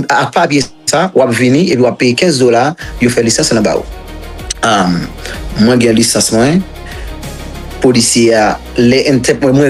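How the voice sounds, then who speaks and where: A man from Haiti with a Haitian accent, recounting his own story as an interview guest in a rambling, repetitive way and mixing languages. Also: medium pitch.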